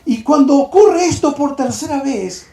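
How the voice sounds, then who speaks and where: A man with a Uruguayan accent, giving a storytelling sermon to young people in a dramatic, animated way. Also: extremely high pitch, a little slow. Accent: Uruguayan Spanish. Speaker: speaker at youth event. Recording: echoey hall.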